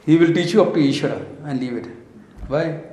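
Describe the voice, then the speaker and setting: Soft background music plays as a spiritual teacher with an Indian accent speaks fairly quickly in a fairly high, mellow voice. In this informal scripture lecture, recorded in an echoey room, he tells stories in short, emphatic phrases, asks rhetorical questions and mixes in Hindi and Sanskrit.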